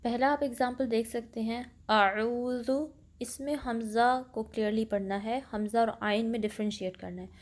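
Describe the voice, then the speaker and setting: A woman's voice: on the high side, steady tone. A woman teaching an online Quran pronunciation lesson, explaining step by step and slipping English phrases into Urdu. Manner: slowly draws out example words for practice; careful, apologetic about her Urdu reading.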